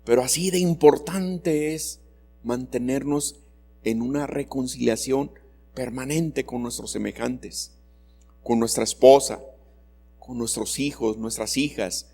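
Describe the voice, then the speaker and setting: A man's voice: mid-range voice, dark tone. Man preaching, earnest, reads and explains bible verses, long hall reverb, faint music behind. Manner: earnest, addresses listeners as brothers. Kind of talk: sermon. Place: church.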